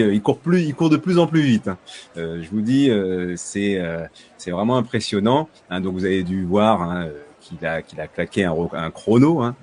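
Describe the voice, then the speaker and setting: A man hosting a casual sports news podcast, chatty and full of hesitations, restarts and jokey asides to his listeners. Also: on the low side. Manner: hesitant, heavy fillers and restarts. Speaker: podcast host.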